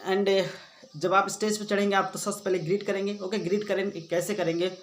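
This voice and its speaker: A man's voice: high-pitched, flat delivery, reverberant, slight background noise, low-quality recording. A man teaching a coaching-class lesson. He explains step by step, repeats himself and adds "okay" often. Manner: recites the model speech slowly and deliberately. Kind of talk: classroom lesson with a model speech.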